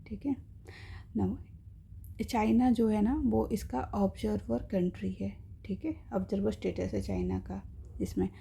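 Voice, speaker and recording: A woman's voice: medium pitch, vocal fry, mellow, slightly rough. A woman teaching an exam-prep lesson, explaining step by step in Hindi with English terms and checking in with her viewers.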